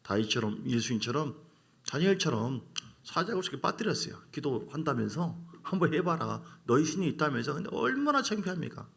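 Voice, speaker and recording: A middle-aged male pastor preaching a sermon, swinging from quiet passages to loud exclamations. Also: fairly high pitch, big pitch swings, brisk, creaky.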